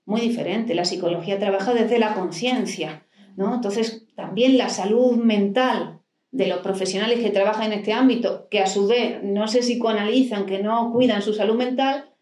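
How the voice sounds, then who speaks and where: With a medium-pitched, darkish voice at a moderate pace, this middle-aged psychoanalyst gives a lecture through a handheld microphone. She explains her points and poses rhetorical questions she then answers, in an echoey library hall furnished with a desk and plants.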